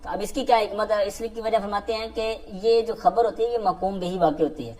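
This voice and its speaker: A woman teacher with a Pakistani Urdu accent patiently explains a classical grammar text, restating each point and pausing on fillers. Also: mid-range voice, dark tone.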